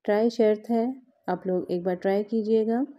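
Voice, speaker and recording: Working at her home kitchen counter, a woman who hosts a cooking vlog explains each stage of a recipe with patience as her hands stay busy. She talks at a normal speed in a medium pitch with fairly even intonation, and the audio is muffled.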